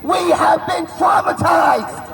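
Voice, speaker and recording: A woman in her 60s delivers an impassioned outdoor rally speech at an extremely high pitch, declaiming in drawn-out phrases and shouting key words for emphasis. She is unamplified and caught by a distant camera in an echoey recording, over loud music and crowd noise.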